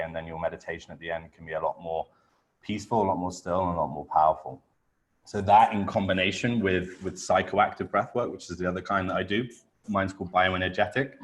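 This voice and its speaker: A man with a British accent leading an online workshop as a breathwork coach, talking casually and informally and checking in with his listeners. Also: sits low. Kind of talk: casual explanatory talk on a group video call. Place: online group video call.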